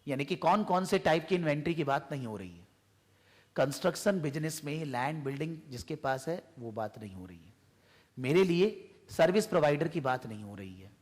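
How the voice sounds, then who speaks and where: Indian male accounting tutor, fairly high voice, long classroom reverb, drills points with examples. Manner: explains by repeated examples and questions. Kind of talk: classroom lecture. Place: tuition classroom.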